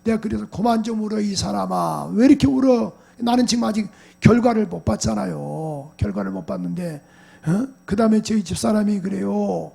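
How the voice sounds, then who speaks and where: Gravelly high-voiced Korean pastor preaching. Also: male voice, normal speed. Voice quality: gravelly, husky voice. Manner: swings from quiet storytelling to loud shouted exhortation. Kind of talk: sermon with personal story.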